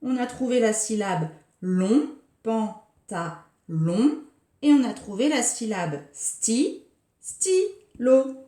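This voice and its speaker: A woman preschool teacher giving a recorded lesson for young children, speaking slowly and articulating each syllable with care. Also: fairly high pitch, lively intonation, warm tone. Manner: slow, carefully articulated, scanning syllables. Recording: roomy echo.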